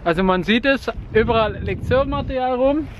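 A man's voice: very high-pitched, normal speed. A man in his thirties vlogging casually at a campsite by his van, speaking with many fillers into a camera held at arm's length. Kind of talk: casual vlog narration. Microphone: selfie camera at arm's length. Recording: noisy outdoor wind.

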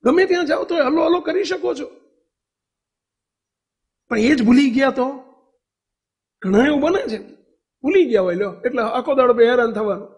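A man's voice: very high-pitched, lively intonation, moderate pace, pauses often, darkish tone. A man with a Gujarati accent giving a devotional sermon, telling stories and asking the audience questions. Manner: storytelling, asks the audience questions. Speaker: preacher.

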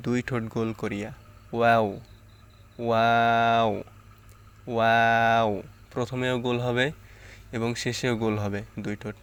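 A man teaching Quran letter pronunciation step by step, stretching out louder model sounds between calm explanations. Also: fairly low pitch, smooth. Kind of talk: slow step-by-step pronunciation lesson.

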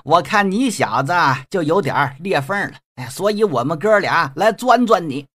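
A man voicing a brash, mocking male street thug in a storytelling performance, with a husky voice. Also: on the high side, animated, moderate pace, fairly bright tone. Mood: swaggering. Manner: rough, mocking, blustering.

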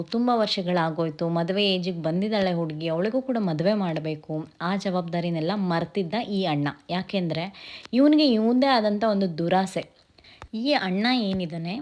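A woman tells a story in a relaxed vlog. Her voice sits a little low, and she keeps pausing to ask her listeners if they are following. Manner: chatty, keeps checking in with listeners. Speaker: vlogger. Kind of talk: casual storytelling to camera.

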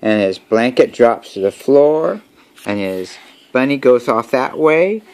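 A man reading a picture book aloud to young children at home, gentle and chatty. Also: mid-range voice, expressive, slow. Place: home room.

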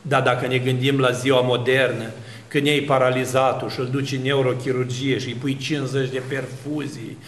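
A man's voice: medium pitch, level tone, echoey room, slight background noise. A man preaching an Orthodox sermon, asking rhetorical questions and building long spoken lists. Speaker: Orthodox priest.

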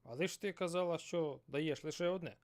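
A man voices an earnest, determined young fisherman, speaking fairly quickly at a fairly high pitch. The voice sits above his own natural one but stays close to an everyday voice.

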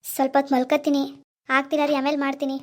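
A woman voicing a tired, gentle pregnant young wife in a cartoon. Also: high-pitched, monotone, rapid-fire, lightly acted. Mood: pleading. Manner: gentle, pleading. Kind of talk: animated cartoon voice acting.

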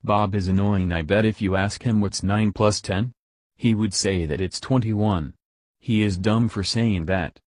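A man reading out a rant, bluntly listing insults in a flat way. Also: on the low side, measured pace, dry recording, studio quality. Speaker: ranter.

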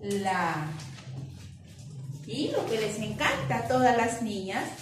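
A Peruvian woman teaching syllables to small children, drawing words out slowly and praising often. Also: on the high side, sing-song, distant mic, music in the background. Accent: Peruvian Spanish. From Peru. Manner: slow, drawn-out syllables, encouraging praise. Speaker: preschool teacher. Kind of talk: remote lesson for young children. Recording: echoey room, voice from off-mic with faint noise.

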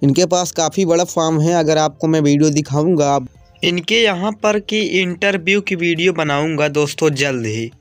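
Hosting his farm video channel, a man with a voice on the high side narrates casually at a moderate pace, showing livestock for sale and talking to viewers like friends. Soft music plays in the background, with no room sound.

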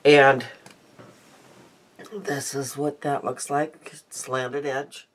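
Speaking very slowly in a very deep, flat voice, this older beauty vlogger from the Midwestern US talks to her desk webcam from a cramped, cluttered room at home. Her delivery is chatty and rambling, full of self-interruptions and restarted sentences. She sounds congested.

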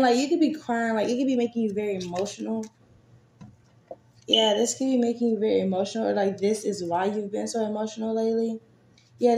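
Female tarot reader, casual and profane, mid-pitched voice, echoey room with light background noise. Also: darkish tone. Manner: chatty, swears freely, many fillers.

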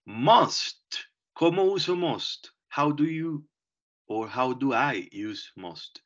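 A man teaching English grammar, explaining slowly and deliberately and checking in with short questions. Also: mid-range voice, lively intonation, fairly bright tone. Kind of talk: bilingual grammar lesson. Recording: dull lo-fi recording.

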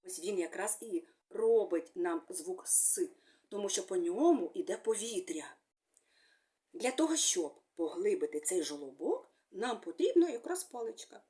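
A woman speech therapist giving a gentle, sing-song speech lesson to young children, using fond little words for them. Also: medium pitch, very animated, a little slow.

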